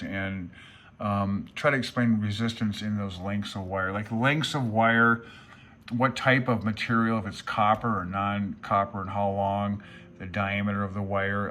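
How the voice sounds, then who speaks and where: An amateur radio hobbyist hosts a casual vlog in a lowish, slightly bright male voice. He explains things off the cuff, rambling in a folksy, self-deprecating, unsure way.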